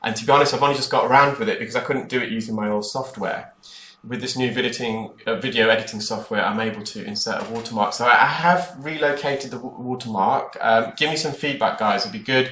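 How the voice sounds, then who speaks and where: A man's voice: mid-range voice, steady tone, fast talker, fairly bright tone. A man giving informal explanatory voice-over in a hesitant, rambling way, talking to viewers as a clinician. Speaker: ear care clinician narrating own procedure videos. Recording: echoey room, clear background noise. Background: background noise of the procedure.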